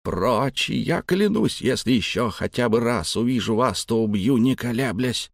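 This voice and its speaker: A man voicing a heartbroken old farmer who screams and wails in a cracking falsetto and sobs. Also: expressive, a little slow, vocal fry, no echo, clean studio sound. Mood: raging. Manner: wailing, screaming, breaking into falsetto. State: sobbing.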